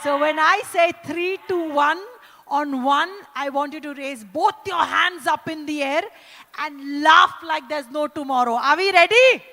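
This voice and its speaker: A woman with an Indian English accent hosting a corporate live event, teasing the crowd and leading loud cheers and laughter. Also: sits high, unhurried. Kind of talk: energetic live event hosting with audience exercises. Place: large indoor event hall. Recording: echoey hall sound.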